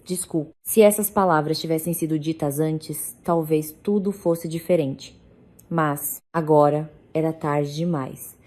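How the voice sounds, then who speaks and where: A woman narrating a first-person family drama in a measured, even storytelling manner. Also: low voice.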